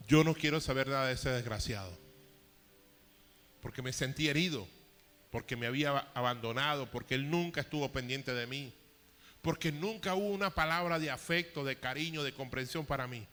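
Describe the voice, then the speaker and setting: In a church hall with long reverb, a pastor in his fifties preaches a sermon, sharing a personal story with emotion and climbing intensity. His voice is a little high, bright and forceful.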